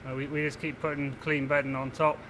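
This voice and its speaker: A man's voice: on the high side, little pitch movement, a little fast, noisy background. A man in his twenties, a stockman working on a farm, talking plainly and practically while out of breath. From England. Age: 20s. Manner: plain-spoken, practical, with rustic grammar. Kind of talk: casual explanation while working. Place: outdoors at a farm barn.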